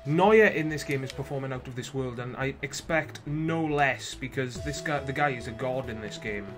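A young man with a Welsh accent giving casual gameplay commentary, chatty one moment and shouting at the game the next, with mild swearing. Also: medium pitch, moderate pace, over music. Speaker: gaming video host.

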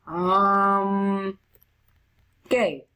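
A woman giving chatty let's play commentary while gaming, now and then breaking into high excited squeals. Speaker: gamer.

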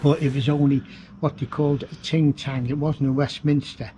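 A man's voice: on the high side, little pitch movement, normal speed, over music. Older Northern English man explaining a clock. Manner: plain, matter-of-fact explaining, sounds out chimes. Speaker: church clock expert guide. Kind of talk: explaining on a walking tour. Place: inside a stone church tower. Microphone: handheld camera mic, moving. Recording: dull lo-fi camera audio.

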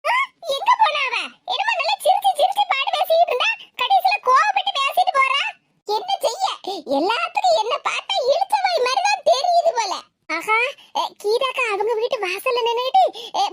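Woman doing a gossipy mocking young wife, tirunelveli accent, squeaky high cartoon voice. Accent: Tirunelveli Tamil. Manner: chattering, mocking. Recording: hissy home recording.

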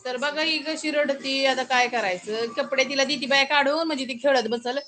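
A woman's voice: sits high, moderate pace, sharp tone. A woman on a casual home live stream, coaxing and scolding a crying child. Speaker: vlogger.

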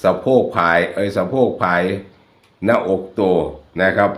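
A man's voice: fairly low pitch, steady tone, measured pace, a bit bright. A man with a Northeastern Thai Isan accent, hosting his channel and chatting jokingly with viewers over photos. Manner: chatty, joking, addresses viewers as brothers and sisters. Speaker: YouTube channel host. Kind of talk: casual commentary over photos. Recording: roomy echo.

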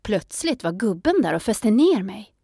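A woman narrating a children's audiobook in a calm storytelling manner. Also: mid-range voice, slightly rough, no room sound, clean studio sound.

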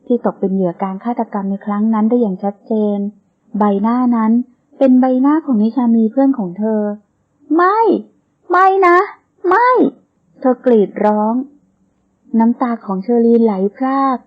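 A woman narrating a romance novel in a steady storytelling manner. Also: on the high side, fairly quick. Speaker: audiobook narrator. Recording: tinny phone-like sound.

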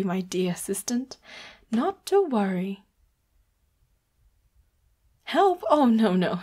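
Speaking a little high, a woman voice actor portrays a sweet, secretive boss who is a concealed leopard hybrid in a roleplay audio drama, her voice soft and breathy and often sinking to a whisper.

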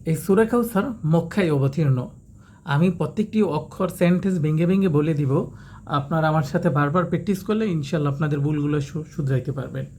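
A man teaching recitation step by step, explaining quickly and then reciting each verse slowly in a drawn-out, melodic way. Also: on the high side, darkish tone, a little hiss or hum. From Bangladesh.

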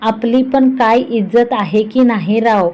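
A woman's voice: a little high, unhurried, darkish tone, lightly acted, poor audio. A woman voicing a cheeky, talkative young man teasing his older brother in a storybook reading. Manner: chatty, cheeky, playful.

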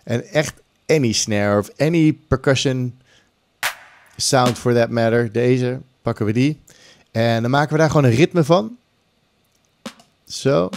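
A middle-aged music production tutor talks through a casual screen-recorded lesson from a small room at home, sprinkling in English phrases. His mid-range, slightly mellow voice is unhurried and pauses often, picked up close by a large condenser mic on a boom arm, with slight background noise and music loops.

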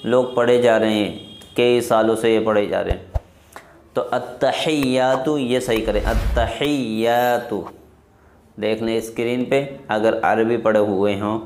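Male religious teacher, lowish voice, chants phrases slowly and explains fast, roomy echo. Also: steady tone, a little mellow. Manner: slow drawn-out recitation between quick explanations. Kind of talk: recitation lesson.

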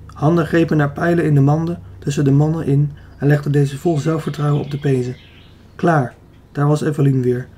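Mellow-voiced male audiobook narrator. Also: on the high side, a little fast, breathy edge. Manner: steady, even storytelling. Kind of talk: scripted narration.

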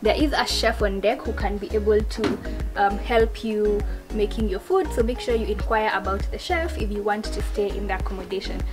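A woman's voice: mid-range voice, normal speed, music in the background. A young woman, hosting a casual travel vlog and touring a treehouse rental, chatty and bubbly, laughing often. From Kenya. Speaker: vlogger, channel host. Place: treehouse holiday rental, partly outdoors.

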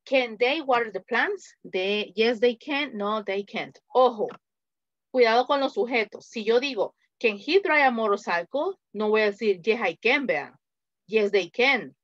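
A woman teaches English grammar online in a Latin American Spanish accent, slowly and patiently repeating the sample answers. Her voice leans high and animated, with no room sound and a lo-fi quality.

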